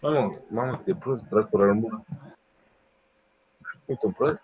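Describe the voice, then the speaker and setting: A man chatting casually with a teammate during an online shooter, relaxed and rambling in half-finished sentences. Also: fairly low pitch, slightly rough, muffled recording. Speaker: teammate, co-player. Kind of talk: casual chat while gaming.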